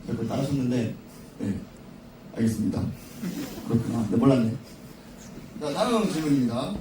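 A man's voice: mid-range voice, expressive. Young man hosting Q&A in echoey hall. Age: 20s. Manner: brisk, reads out questions with joking banter. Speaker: band member hosting a fan Q&A. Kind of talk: live showcase Q&A. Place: concert venue with an audience. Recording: echoey hall from a distance with faint noise.

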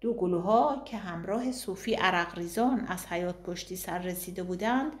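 Woman reading a novel aloud, roomy echo. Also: fairly low pitch. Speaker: audiobook narrator.

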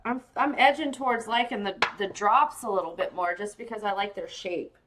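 A woman's voice: mid-range voice, fairly quick, fairly bright tone, slight background noise, rough recording. A woman hosting a live pearl-opening sale, chatting casually and gushing to viewers by name. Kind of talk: casual live-stream sales chat.

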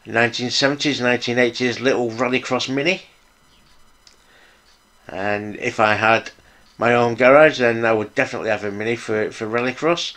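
A man's voice: medium pitch, fairly bright tone. A middle-aged British man casually narrating a hands-on hobby build vlog in an informal, appreciative, chatty way. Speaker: hobby video host, model car builder.

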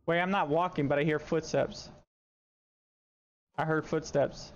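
A man doing live gameplay commentary as a streamer, excitable and slangy, talking back to the ghost in the game. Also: fairly high pitch, a little slow. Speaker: gaming streamer. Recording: dull lo-fi stream audio with faint noise.

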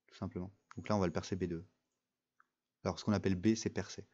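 A man's voice: deep voice, level tone, quick pace, dark tone, highs cut off. A young man giving casual, rambling commentary over a mobile game, full of fillers and restarts. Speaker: gaming video creator.

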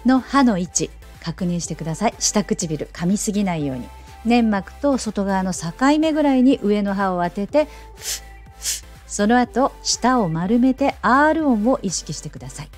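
抑揚豊かな女性の英語教師. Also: female voice, moderate pace, soft background music. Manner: playful, coaxing as if to children; animated, lively pitch. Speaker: English teacher. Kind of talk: pronunciation lesson.

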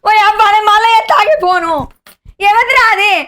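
A woman acting a village wife in a comedy short film, scolding and quarrelling loudly. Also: very high voice, brisk, over music. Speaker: actress playing a village wife.

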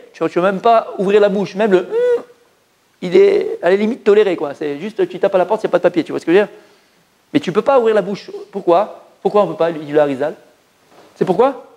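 High-voiced rabbi teaching a lively class. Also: male voice. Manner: lively, questioning the audience, mixing Hebrew terms into casual speech. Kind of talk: informal Torah lesson to a live group.

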